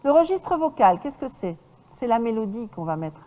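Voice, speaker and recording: A woman horse trainer giving a lecture to an audience, lively and demonstrative, often checking in with her listeners. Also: fairly high pitch, moderate pace, big-room sound, low-quality recording.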